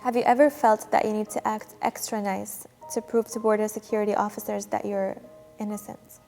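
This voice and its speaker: A woman's voice: mid-range voice, level tone, a little fast, creaky, dark tone, soft background music. A woman interviewer asking short, direct questions. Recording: reverberant room.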